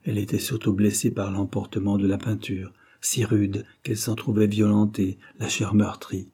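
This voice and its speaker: A man narrating a classic novel in a measured, even manner. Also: fairly low pitch, husky. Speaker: audiobook narrator. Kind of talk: scripted literary narration.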